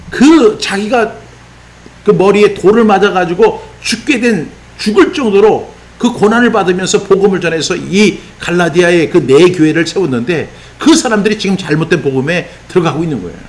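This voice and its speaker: A man preaching an expository sermon as a pastor, animated and sometimes shouting out rebukes. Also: sits high. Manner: animated, voices apostle's rebukes in raised exclamations.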